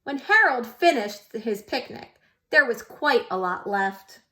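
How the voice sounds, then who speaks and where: A woman teacher reads a storybook aloud to little children in a high, bright voice. Her pitch swings up and down with lively expression, and she stops to ask the kids gentle questions. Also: a little slow. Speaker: preschool teacher. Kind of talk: reading a picture book aloud to young children.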